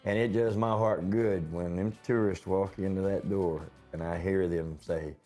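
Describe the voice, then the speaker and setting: A low-pitched man with a dark, mellow voice, spinning folksy stories about his shop. He rambles through anecdotes and acts out the dialogue as he goes. Faint music plays underneath. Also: fairly even intonation, measured pace. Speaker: store owner. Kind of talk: casual interview storytelling.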